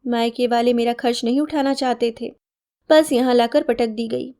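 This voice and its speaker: A woman's voice: a little high, fairly even intonation, normal speed, mellow, close to an everyday voice. A woman voicing a desperate young wife locked away in an asylum, pleading to be let out, in a storybook reading.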